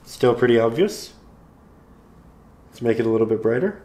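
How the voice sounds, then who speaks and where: A man calmly guiding viewers through a step-by-step painting tutorial, slightly hoarse, in an unhurried, encouraging way. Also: medium pitch. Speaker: painting instructor.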